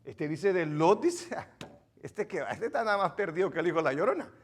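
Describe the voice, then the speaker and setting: Male preacher, high and very expressive, teasing questions to the congregation, sermon in a church. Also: brisk. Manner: quizzes the congregation, joking and exclaiming. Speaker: pastor. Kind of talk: interactive Bible teaching sermon.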